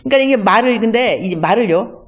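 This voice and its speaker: A woman's voice: on the high side, quick pace. A woman missionary giving a conversational teaching talk, acting out everyday dialogues and mixing in English words. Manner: acts out everyday dialogues in lively voices.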